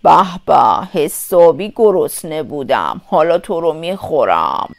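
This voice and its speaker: A woman doing a wicked, gruff big bad wolf. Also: very animated, dry recording, full character voice. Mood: greedy. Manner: low, gruff, scheming growl. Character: wicked hungry male wolf, scheming and sly. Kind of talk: storybook reading.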